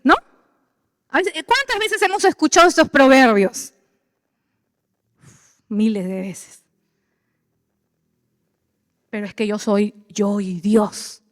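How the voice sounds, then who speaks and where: A woman's voice: on the high side, no echo, studio quality, big-room sound. A middle-aged woman pastor, preaching animatedly and acting out the voices of believers and of God. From Peru. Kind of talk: sermon.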